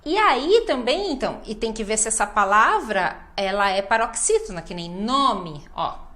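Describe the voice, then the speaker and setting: Brazilian woman teaching stress, higher-pitched. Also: very animated, moderate pace, pushed and bright. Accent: Brazilian Portuguese. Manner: demonstrative, repeats words with exaggerated stress. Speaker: Portuguese teacher. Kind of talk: language lesson.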